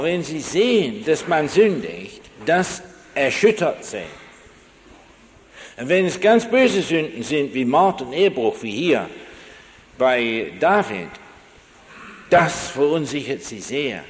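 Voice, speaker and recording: A man preaching a sermon, telling a story from his own life with lively rhetorical asides. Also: on the high side, slow, long reverb tail, slight background noise.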